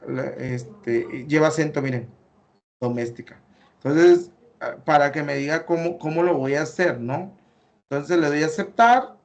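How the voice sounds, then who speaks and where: A man's voice: a little high, vocal fry, muffled recording. Mexican man teaching a class. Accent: Mexican Spanish. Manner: explains step by step, corrects patiently, many fillers. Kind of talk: online class, reviewing student data.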